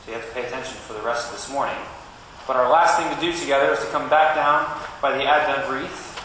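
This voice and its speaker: A man's voice: medium pitch, quick pace, recorded from a distance. Man leading a children's sermon in an echoey church. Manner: gentle, coaxing, playful with children. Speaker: pastor. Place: church sanctuary. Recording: very echoey church with background noise.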